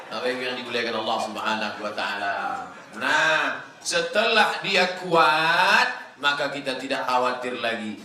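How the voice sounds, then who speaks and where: A male preacher delivers a sermon, swinging from loud, emphatic bursts to soft asides. His voice is bright and tense. It echoes through a roomy hall with faint background noise. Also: medium pitch. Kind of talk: Islamic sermon to a congregation.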